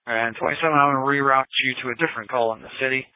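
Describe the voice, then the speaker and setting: A man's voice: medium pitch, racing, no room sound. Male dispatcher, police-style radio, narrow band, clipped procedural delivery. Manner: clipped, procedural call-outs. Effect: two-way radio transmission. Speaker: emergency dispatcher. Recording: narrow radio channel, dry.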